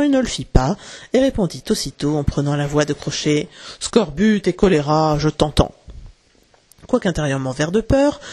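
Dark-toned expressive storybook reader. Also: medium pitch, breathy edge. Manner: lively, dramatic reading with character voices. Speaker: audiobook narrator.

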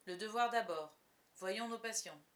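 A woman voicing a calm, dutiful middle-aged male ship's doctor who speaks measured and earnest. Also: medium pitch, close to an everyday voice.

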